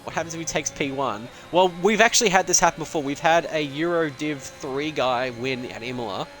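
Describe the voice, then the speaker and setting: A man's voice: on the high side, a little fast, a bit bright. A young man giving loose, rambling live commentary on an online sim race, joking and swearing as he goes. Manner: casual, rambling, swears and laughs.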